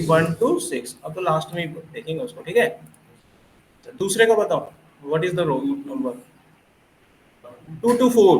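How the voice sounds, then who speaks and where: A male coding teacher giving a recorded classroom lecture, mixing Hindi with English phrases, explaining with everyday analogies and quizzing his students. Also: sits high. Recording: roomy classroom with faint background noise.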